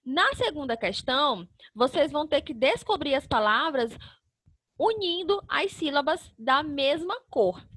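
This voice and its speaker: A woman teacher gives a recorded lesson to young children. She explains step by step, sounds out syllables slowly, and asks questions that she answers herself. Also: high-pitched, very animated, a bit bright.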